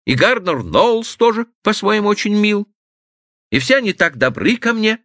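A man's voice: sing-song, moderate pace, a bit bright, no room sound, studio quality. Man putting on a tearful young woman. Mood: carefree. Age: young adult. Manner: high plaintive pleading falsetto.

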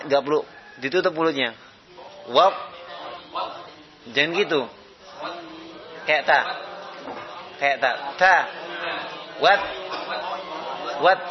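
A man teaching Quran recitation, giving short repeated corrections and modeling sounds for students. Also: a little high. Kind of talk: correcting students' pronunciation in class. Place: classroom with students. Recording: muffled classroom recording, group audible.

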